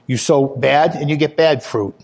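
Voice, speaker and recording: A man giving a sermon, earnest and personal, telling his own testimony and growing louder and higher when he stresses a point. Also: moderate pace, breathy edge. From Italian heritage. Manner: earnest testimony, rises in pitch when emphatic. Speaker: preacher.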